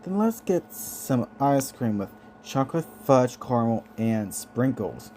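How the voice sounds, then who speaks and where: A man's voice: medium pitch, big pitch swings, measured pace, warm tone, slight background noise. A man voicing a friendly, easygoing mother in an amateur audiobook reading. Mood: cheery.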